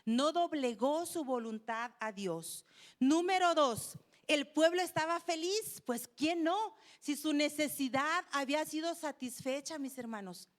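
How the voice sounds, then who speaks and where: A woman's voice: high voice, expressive, measured pace. A woman preaching a sermon to a congregation in a conversational way, often turning to them with questions. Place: church.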